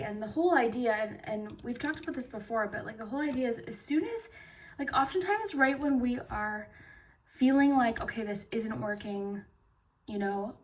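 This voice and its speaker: A woman's voice: on the high side, far from the mic. A woman doing a pick-a-card tarot reading, chatty, full of fillers and restarts, and losing her voice. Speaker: tarot reader.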